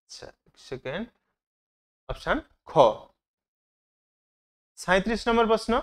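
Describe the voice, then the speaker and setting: A man's voice: sits high, animated, a little slow, fairly bright tone. A man teaching an exam-prep lesson. He asks questions and then answers them himself.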